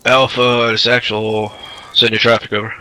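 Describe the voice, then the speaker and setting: A man's voice: medium pitch, level tone, moderate pace, pushed and bright. A man acting as commander, heard over in-game radio, giving clipped radio procedure in a military co-op game. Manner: clipped radio call-and-response.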